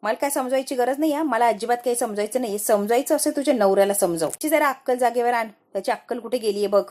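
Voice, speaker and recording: A woman's voice: fairly high pitch, fast, dark tone, lightly acted. A woman reading the lines of an angry middle-aged mother scolding her son. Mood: indignant. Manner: scolding, reproachful.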